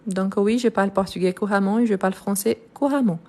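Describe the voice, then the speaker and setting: A woman with French and Brazilian roots teaching French grammar in a live online lesson, speaking slowly and deliberately with frequent fillers and restarts. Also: mid-range voice, steady tone, darkish tone. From France and Brazil. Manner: slow, deliberate, explanatory with many fillers.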